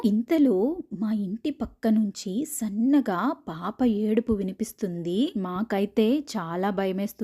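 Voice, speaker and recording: A young woman telling a true ghost story as a first-person narrator, with a mid-range voice. She builds suspense by dropping to a hush and then suddenly raising her voice at the tense moments. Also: mid-range voice.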